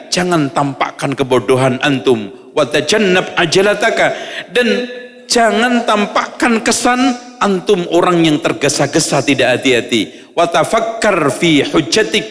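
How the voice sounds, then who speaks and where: A man preaching, reading Arabic lines and explaining them in a lively way, acting out little examples with humor. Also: sits high, long reverb tail. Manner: lively, acts out examples, jokes with audience. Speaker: Islamic preacher.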